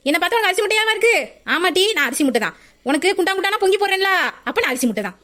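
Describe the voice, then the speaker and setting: A woman plays a sharp-tongued mother. She fires back fast, bantering retorts. She mocks her daughter with good-natured sarcasm. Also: very high voice, big pitch swings, full character voice. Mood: mock-offended.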